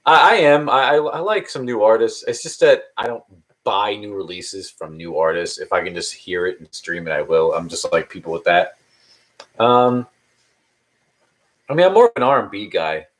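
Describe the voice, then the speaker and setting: This man, in his early thirties, has a lowish, fairly bright voice and speaks animatedly at a moderate pace. He's chatting casually on a live stream, responding to viewer questions in a hesitant, rambling manner full of restarts.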